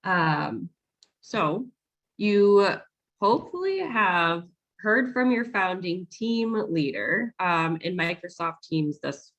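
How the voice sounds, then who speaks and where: Her voice fairly low and a bit bright, a woman from the onboarding staff runs a virtual town hall on a video call. She goes over the onboarding steps in a friendly, casual way, with many ums.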